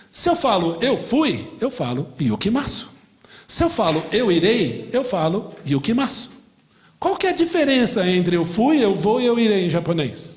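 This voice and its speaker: A man from Brazil, a middle-aged pastor, teaching a lively Bible class, asking the class questions and joking. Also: high voice, long reverb tail. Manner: animated, asks the class questions and jokes.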